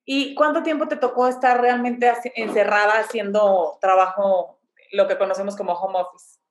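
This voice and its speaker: A woman's voice: mid-range voice, steady tone, moderate pace. This is a woman, hosting a podcast interview and asking friendly, curious questions. Her voice sits in a noticeably roomy, echoey space. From Mexico. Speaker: podcast host. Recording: roomy echo.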